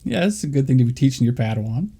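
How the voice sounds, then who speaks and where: A man co-hosts a podcast, dropping laid-back, wry remarks into the conversation. His voice is warm and mellow, at an ordinary pitch, and he sounds relaxed throughout. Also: racing, husky. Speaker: podcast co-host. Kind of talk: casual chat.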